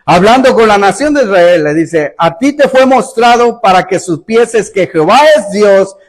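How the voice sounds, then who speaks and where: A man's voice: high-pitched, lively intonation, moderate pace. A male pastor preaching a sermon in an emphatic style, acting out sarcastic rhetorical questions.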